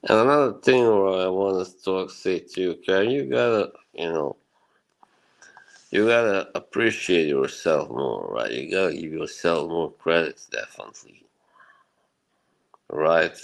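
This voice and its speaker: A man from Bosnia hosts a livestream and chats casually with viewers, rambling reassuringly and chuckling often. His low voice is animated and creaky, moving at a measured pace, and the recording is of low quality.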